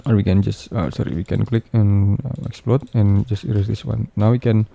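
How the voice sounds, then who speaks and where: A man narrating an unscripted step-by-step software tutorial, speaking in halting, repetitive phrases with frequent hesitations. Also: fairly low pitch, fairly even intonation, creaky.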